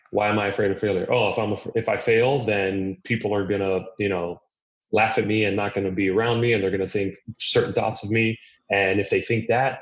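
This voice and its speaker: Earnest man in an echoey room. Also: fairly low pitch. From Miami, United States. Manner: earnest, thinking aloud with restarts and "you know". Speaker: podcast guest. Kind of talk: reflective conversational interview. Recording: echoey room, dull lo-fi sound.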